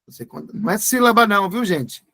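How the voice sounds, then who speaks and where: A man's voice: high-pitched, animated, fast, vocal fry, sharp tone. A man teaching an exam-prep grammar lesson, spelling words out letter by letter.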